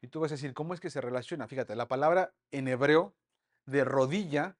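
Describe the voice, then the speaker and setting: A man teaching an online Bible study lesson, lively and full of rhetorical questions to the group. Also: medium pitch, brisk.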